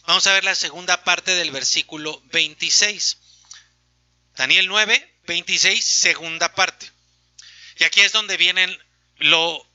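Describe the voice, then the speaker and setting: High, bright-voiced man preaching a sermon. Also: no echo. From Mexico. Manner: teaching, asks the congregation questions; reads scripture aloud slowly. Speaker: pastor. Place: church.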